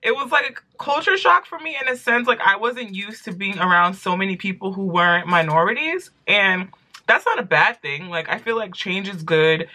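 A young American woman with a bright, forward voice at a medium pitch. She chats casually to camera like she is dishing gossip to friends, in an animated storytime manner. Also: moderate pace. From New York City, United States. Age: 20s. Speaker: vlogger. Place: small room indoors at home.

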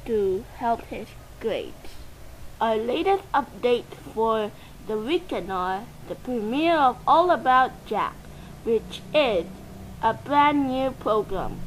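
A woman voicing a cartoon boy cat who hosts a slow, chatty fashion update in a fan-made dub. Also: a little high, a little hiss or hum, poor audio. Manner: slow, chatty host reading shout-outs.

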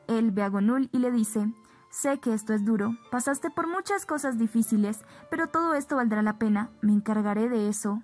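A woman narrating a recap of a soap opera episode, reading the characters' lines flatly within her retelling. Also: on the high side. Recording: background music bed.

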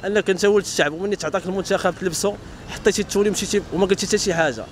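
A man's voice: high voice, rapid-fire, slight background noise. A man with a Moroccan accent giving an indignant street opinion, talking emphatically. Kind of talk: street vox pop interview.

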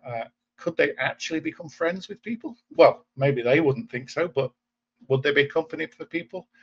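A man's voice: on the high side, normal speed, slight background noise. A man in his forties from England, hosting a casual video-call interview and musing thoughtfully, often restarting phrases. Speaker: host. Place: indoor room at home. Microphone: webcam video call. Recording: muffled lo-fi video-call audio.

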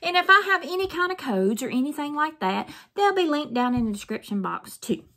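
Bright, high-voiced woman with a Mississippi accent. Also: very animated, fairly quick. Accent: Mississippi Southern American. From Mississippi, United States. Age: middle-aged. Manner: folksy, rambling, repeats herself. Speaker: craft vlogger. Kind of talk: casual unboxing chat. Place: small plain room indoors. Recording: noisy room, crinkling plastic.

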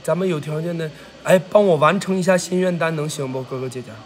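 Man, hoarse, raised pitch, excitable livestream host. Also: fast, slight background noise. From Tongliao, Inner Mongolia. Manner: excitable, repeats exclamations, shouts thanks. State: hoarse from a cold. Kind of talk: livestream gift-thanking chat.

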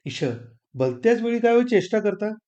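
A man's voice: high voice, big pitch swings, normal speed, dark tone, lo-fi sound, pitched above the performer's own voice. A man doing a whiny, coaxing housewife. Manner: wheedling, then whining and scolding. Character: middle-aged wife, coaxing, easily tearful, complaining. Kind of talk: audiobook story reading.

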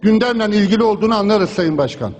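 Guy with a really high voice speaking at a rostrum mic in parliament, big echoey hall, fiery speech. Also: expressive, fast talker, darkish tone. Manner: impassioned oratory with a repeated refrain, pressing on through interruptions. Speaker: member of parliament giving a speech. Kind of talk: political speech. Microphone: rostrum microphone. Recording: long hall reverb from a large chamber.

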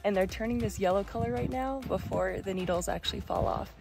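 A young woman educator explains plants and mushrooms to friends on a mountain trail. She sounds relaxed and informative in a mid-range voice, and music plays behind her. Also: mid-range voice, a little fast, creaky. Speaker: environmental educator.

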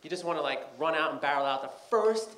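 A man in his thirties with a slightly high, fairly bright voice performs a chatty, rambling stand-up set on a comedy club stage, lively and quick, packed with "you know" and "like." The roomy club carries live crowd noise.

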